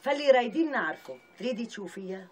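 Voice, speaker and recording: An actress with a Syrian accent playing a stern, reproachful aunt, in a TV drama. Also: female voice, a little high, animated, rapid-fire, breathy edge. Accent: Syrian Arabic. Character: stern aunt delivering an offer.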